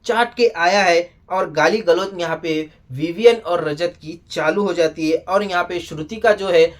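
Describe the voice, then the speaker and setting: A TV show reviewer giving a casual spoken episode recap, animated, often exclaiming and scolding the people on screen. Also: mid-range voice, moderate pace.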